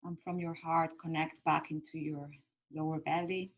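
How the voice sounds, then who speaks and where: A woman leading a calm grounding meditation as a guide, speaking gently and soothingly in short phrases with pauses between them. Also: deep voice, lo-fi sound.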